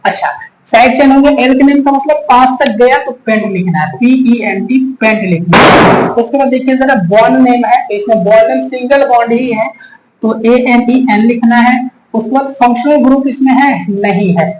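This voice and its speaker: A man's voice: very high-pitched, moderate pace, slight background noise. A male chemistry teacher giving a whiteboard lesson, patiently repeating steps, counting aloud and addressing his students as children. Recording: echoey room, faint ambience.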